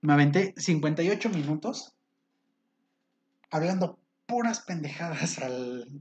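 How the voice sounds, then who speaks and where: A man's voice: a little high, animated, measured pace, a little mellow. A man with a Mexican accent hosting a casual podcast, reading live comments in a teasing, mock-formal way.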